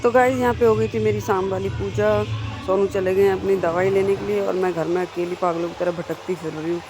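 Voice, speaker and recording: A woman's voice: medium pitch, steady tone, brisk, over music. A woman vlogging casually at home, chatting with her viewers and calling them guys as she cooks. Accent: Hindi. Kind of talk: casual home vlog chat. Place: home kitchen. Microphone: phone camera. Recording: noisy home phone recording.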